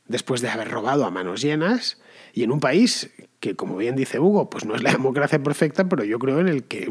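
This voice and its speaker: A man with a Spanish accent hosts a commentary show and answers listeners. His voice is slightly husky and very lively in pitch. He talks loosely and often circles back to restart a thought. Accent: Spanish (Spain). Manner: conversational, wandering, frequent restarts. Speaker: podcast host.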